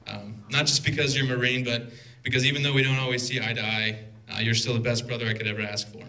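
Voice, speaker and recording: His voice sits in the mid range with fairly even intonation as he moves at a quick clip through a best man's toast. The man, in his twenties, reads from notes into a handheld mic with dry, teasing humor. The indoor reception hall is noisy, with guests laughing.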